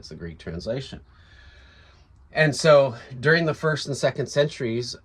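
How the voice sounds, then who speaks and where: A man giving a casual, unscripted video lesson, explaining step by step with fillers and restarts. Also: fairly low pitch. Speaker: teacher.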